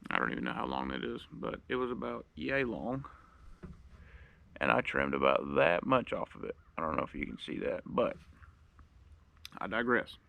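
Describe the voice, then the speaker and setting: A man's voice: low voice, big pitch swings, moderate pace, creaky, long pauses, sharp tone. A man giving a casual, plain-spoken how-to tutorial, showing each step and repeating the key points. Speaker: duck call instructor.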